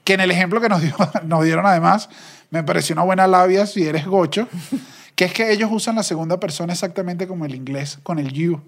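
A man with a Caracas Venezuelan accent hosts a relaxed podcast chat. His voice sits high and has a gravelly fry. He talks with animated energy and laughs often. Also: brisk. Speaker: podcast host. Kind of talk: casual chat.

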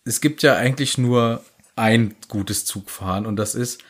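A young man co-hosting a casual book podcast, retelling scenes with sarcastic, animated asides. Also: mid-range voice, measured pace. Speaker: podcast co-host.

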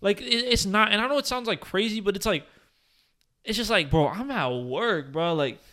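Young guy podcast host, kinda high voice, rambling storyteller, lots of likes and restarts. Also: moderate pace. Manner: animated storytelling, swears, frequent fillers and restarts. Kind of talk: casual chat.

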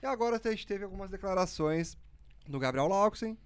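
A man's voice: high-pitched, animated, a little fast, clean tone. A man who casually steers the talk toward his next question as the interviewer.

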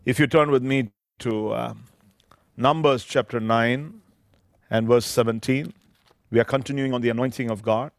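A man's voice: mid-range voice, fairly even intonation, moderate pace, long pauses, no echo, studio quality. A man, a pastor preaching a sermon into a pulpit microphone, emphatic and drawing out scripture phrases word by word.

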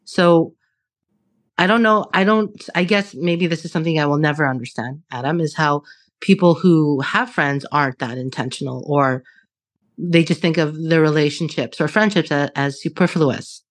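A woman's voice: low voice, moderate pace, no room sound. A woman in her late thirties, a podcast guest in casual chat, who swears freely, laughs often and restarts her sentences. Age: 30s.

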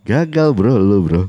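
A man's voice: on the low side, dry recording, muffled recording. A man with a Jakarta accent chatting casually in teasing Jakarta slang as a show host. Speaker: host of a talk and call-in show. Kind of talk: casual bantering chat.

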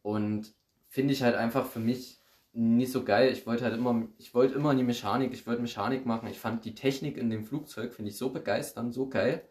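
A man's voice: mid-range voice, steady tone, a little fast, a little mellow. A man chatting casually as a podcast guest, slangy and rambling, laughing often. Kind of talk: casual chat. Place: recording room. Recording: roomy echo.

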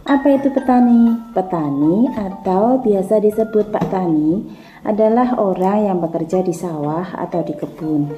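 A woman's voice: mid-range voice, normal speed, dark tone, reverberant, faint music behind. A kindergarten teacher, a woman, teaching young children over radio in a sing-song way, asking them questions.

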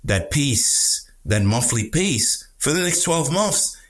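A man speaking as an economics commentator on a podcast, halting and repeating words, often stressing points with a questioning "right?". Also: mid-range voice, big pitch swings, fairly bright tone.

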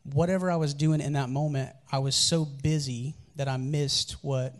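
Man, pastor, sermon, conversational storytelling, earnest, slightly high voice. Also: fairly even intonation, normal speed.

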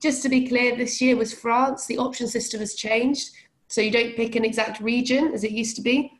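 Chatty woman podcast host, slightly higher voice, encouraging, casual interview style. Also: fairly even intonation, moderate pace.

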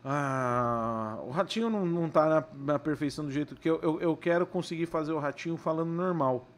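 Relaxed, slangy male impressionist. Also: fairly high pitch, quick pace. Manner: relaxed, laughs easily, slangy. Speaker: impressionist comedian guest. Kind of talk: casual podcast chat.

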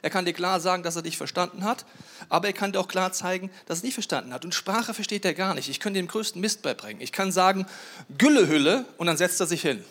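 A man's voice: high-pitched, quick pace. A man preaching a sermon, playfully telling stories and speaking directly to his listeners. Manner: playful, animated storytelling that addresses listeners directly.

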